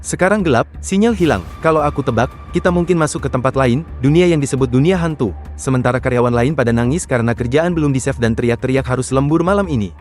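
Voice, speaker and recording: A man's voice: mid-range voice, fast talker, soft background music. A man narrating a horror comic recap in the first person, in a casual, slangy storytelling manner.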